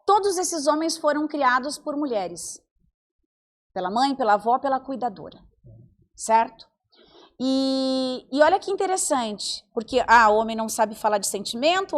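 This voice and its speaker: A woman in her forties, a psychologist and mentor, talking in an animated way on a podcast and acting out the voices she quotes. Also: on the high side. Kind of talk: podcast conversation.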